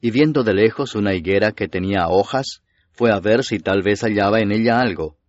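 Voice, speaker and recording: A man reading scripture aloud in a steady, measured way. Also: lowish voice. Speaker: Bible reader. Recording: dull, dry lo-fi voice recording.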